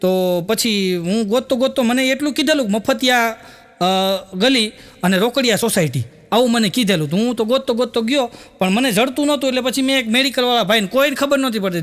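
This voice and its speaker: A man's voice: very high voice, quick pace, fairly bright tone. A man telling folksy jokes to a live audience, acting out the people in his stories. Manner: folksy storyteller, acts out quoted characters. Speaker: stand-up comedian.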